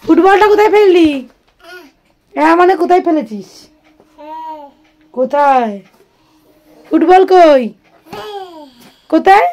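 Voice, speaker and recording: A high-pitched woman talks through her evening at home for a family vlog. She is chatty and explains each step to her viewers as she goes. The recording is a plain, clean home recording. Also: takes it slowly, pauses often, a little mellow. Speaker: vlogger and mother. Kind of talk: casual family vlog chat. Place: home, indoors.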